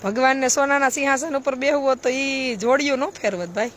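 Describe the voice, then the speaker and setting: A woman's voice: sits high, brisk, fairly bright tone. A woman, a charity social worker giving a blunt, preachy live-stream talk full of rhetorical questions.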